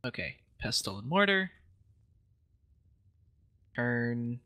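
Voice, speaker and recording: A man's voice: mid-range voice, sing-song, takes it slowly, pushed and bright, no room sound. A man co-hosting a casual co-op game session, teasing his partner and giggling while he crafts. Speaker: co-host gamer. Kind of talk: casual co-op gameplay chat.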